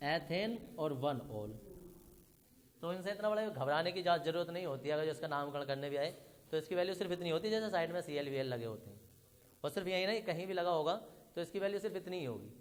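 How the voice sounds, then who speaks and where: A man's voice: sits high, expressive, a little fast. A man teaching a chemistry class, explaining step by step and speaking directly to his students. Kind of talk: classroom lecture.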